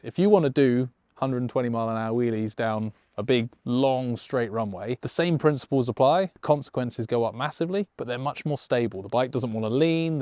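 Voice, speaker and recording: Male presenter, encouraging tutorial delivery, mid pitch, dry close sound. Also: a little mellow, no echo. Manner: enthusiastic, encouraging and conversational. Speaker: motorcycle riding instructor and show presenter. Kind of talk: explanatory tutorial.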